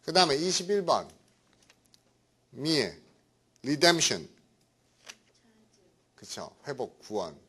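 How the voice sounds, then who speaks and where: A man's voice: fairly high pitch, sing-song, slow pace, pauses often, fairly bright tone, slightly rough. A middle-aged man lecturing on English vocabulary to a class, chatty and often checking in with his students. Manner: chatty, keeps asking "right?".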